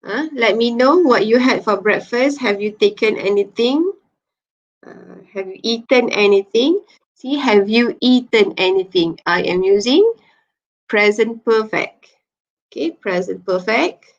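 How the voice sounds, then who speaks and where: Malaysian english teacher lady, talks slow and chatty on a muffled video call. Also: a little high. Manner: slow, patient, chatty, reads chat names aloud. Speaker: English lecturer. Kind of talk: online class teaching. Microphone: computer mic on a video call.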